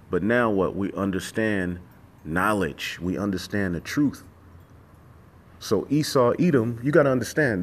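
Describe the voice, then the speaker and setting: Casting: male religious teacher, somewhat low voice, emphatic, repetitive, profane informal sermon. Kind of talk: informal sermon with scripture reading and commentary.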